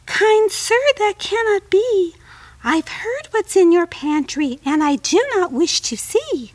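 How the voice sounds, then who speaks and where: A woman doing a high, pleading little fly. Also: expressive, takes it slowly, no room sound, heavily acted. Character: small timid female fly.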